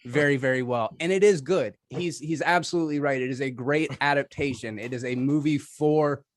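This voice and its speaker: A film podcaster competing in a debate makes an off-the-cuff argument in a sarcastic, wry tone. His voice is medium-pitched and a little fast, with no echo.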